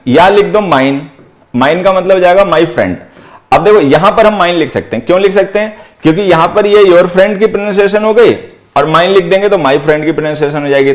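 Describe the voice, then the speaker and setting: Man teaching grammar, slightly high voice. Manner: explains step by step, repeating key phrases; slows right down to dictate example sentences. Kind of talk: exam-prep grammar lesson.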